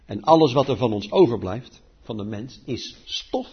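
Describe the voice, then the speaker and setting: A man preaching a sermon, declaiming scripture loudly and then dropping to quiet asides. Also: mid-range voice, expressive, moderate pace, gravelly, husky. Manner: emphatic, swings between loud declaiming and quiet asides. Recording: dull lo-fi recording.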